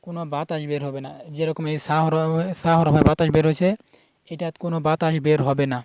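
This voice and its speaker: A man's voice: a little high, flat delivery, fast, a little mellow, smooth, no room sound. A man teaching Quran pronunciation, patiently repeating each letter sound and explaining where it is made in the mouth. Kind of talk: pronunciation lesson.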